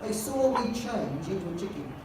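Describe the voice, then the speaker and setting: London headteacher telling funny stories on stage, far off mic, big echoey hall. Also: male voice, high-pitched, moderate pace, background noise. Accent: London English. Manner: jokey storyteller, animated, self-mocking. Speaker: headteacher giving a talk. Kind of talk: anecdotal presentation to an audience. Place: large hall with audience.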